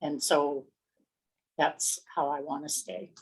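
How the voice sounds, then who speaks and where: Slow, low-voiced woman commissioner. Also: level tone, breathy edge, low-quality recording. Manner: measured, halting, firm. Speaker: county commissioner. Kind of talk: public meeting discussion.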